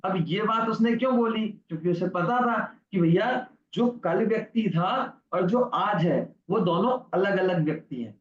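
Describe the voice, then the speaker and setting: At a moderate pace with few pauses, a man with a high-sitting voice tells children a story as part of a religious lesson for an online class. He asks questions and answers them himself, and the recording is reverberant and muffled.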